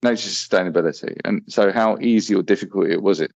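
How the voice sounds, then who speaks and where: A man's voice: fast talker, gravelly, darkish tone, no echo. A man hosting a podcast, asking blunt, probing questions in a conversational way. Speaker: podcast host, interviewer. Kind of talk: conversational interview. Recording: dry, muffled low-fidelity audio.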